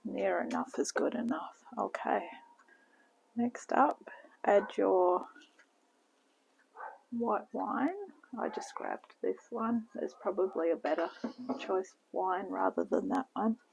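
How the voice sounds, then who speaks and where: A woman giving a relaxed, step-by-step cooking demonstration in her home kitchen, talking toward a camera on the counter. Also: medium pitch, vocal fry. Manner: slow, relaxed step-by-step instructions with frequent "okay". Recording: noisy home video with kitchen clatter.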